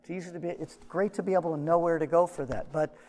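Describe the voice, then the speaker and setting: A man's voice: fairly high pitch, steady tone, fast, darkish tone, in a large hall. A man teaching through a Bible passage in a conversational, explaining way, his voice muffled because it is recorded from his shirt pocket.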